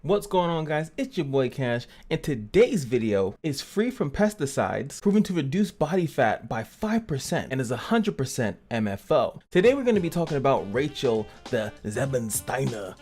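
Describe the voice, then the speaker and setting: A man's voice: mid-range voice, a little mellow. A man hosting a casual gaming commentary channel, joking and chatty as he reviews a character. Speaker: game reviewer and channel host.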